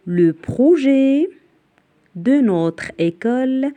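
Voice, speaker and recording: Woman teacher, low mellow voice, spells and repeats words very slowly for kids. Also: animated. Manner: spells out letters and repeats each word slowly; glosses words in Arabic. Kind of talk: slow spelling and reading lesson for children.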